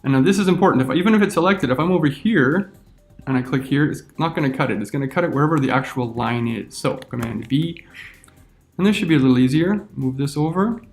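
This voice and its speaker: A man teaching a screen-recorded software tutorial, talking through each step as he clicks. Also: a little high, animated, fast, soft background music.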